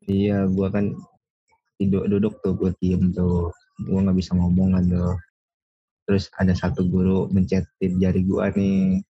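Young guy, low flat husky voice, halting storyteller, dry muffled sound. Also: dry recording. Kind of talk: casual podcast chat.

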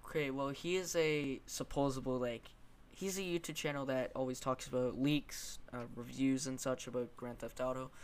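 A man's voice: medium pitch, fairly even intonation, moderate pace, smooth. A man hosting a casual podcast, talking in long rambling runs with many fillers and asking his guest questions. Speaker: podcast host.

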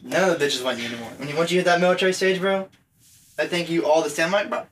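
A man's voice: fairly high pitch, fast talker, fairly bright tone. A man chatting casually as a podcast guest, crude and slangy, saying "bro" often. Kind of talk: casual banter. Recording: very noisy recording.

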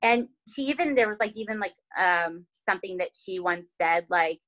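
A young adult woman casually telling a true crime story, animated and dramatic, peppering her talk with "like" and "right?". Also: mid-range voice, moderate pace, low-quality recording.

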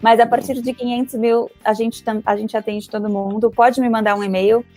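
Quick, chatty woman explaining finance. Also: on the high side, level tone, darkish tone, no echo, soft background music. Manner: quick, chatty, many fillers like "né" and "então". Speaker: financial advisor guest. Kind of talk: casual interview explaining investments.

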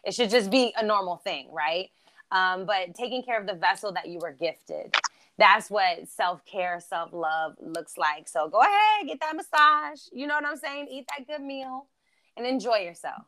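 A German-born woman whose first language is German speaks English with an American East Coast accent, sounding upbeat, chatty and motivational as a guest in a casual interview. Her voice is medium-pitched, pushed and bright, at a moderate pace.

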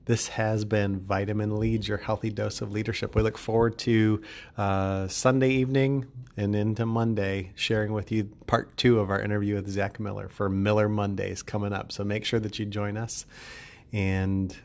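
A man's voice: lowish voice, level tone, moderate pace, darkish tone. A male podcast host speaking in an upbeat, chatty solo monologue and joking with his listeners.

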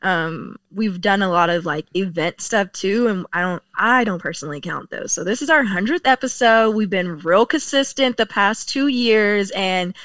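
A woman's voice: medium pitch, moderate pace, hardly any pauses, fairly bright tone, no room sound. A woman co-hosting a podcast, talking easily about her show with fillers like "um". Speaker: podcast co-host guest. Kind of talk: casual podcast chat.

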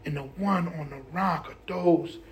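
A man preaching a lively sermon, getting excited, shouting and laughing as he explains scripture. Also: fairly high pitch, moderate pace, gravelly.

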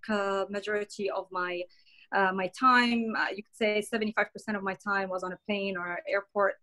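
A middle-aged Jordanian woman appears as a podcast guest, discussing her career in a relaxed, conversational interview. Her voice is medium-pitched, and she pauses often, with plenty of fillers and restarts.

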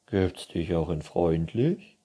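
Mann spricht lustlosen hund, schnodderig, bisschen heiser. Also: male voice, low voice, expressive, slow pace, warm tone, slightly rough, exaggerated voice. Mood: dismissive. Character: sulky indifferent dog, shrugs everything off. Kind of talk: children's book reading.

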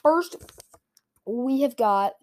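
A woman's voice: on the high side, expressive, very slow, darkish tone. A woman vlogger in a casual comedic rant, rambling with lots of "like" and restarts. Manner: rambling, heavy use of "like" and restarts.

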